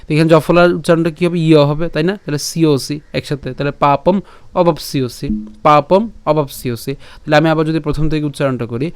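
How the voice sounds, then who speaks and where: A man's voice: fairly high pitch, flat delivery, fast, darkish tone, clear, resonant tone, dry recording, soft background music. A man teaching the pronunciation of a Sanskrit verse step by step, patiently repeating syllables and asking rhetorical questions.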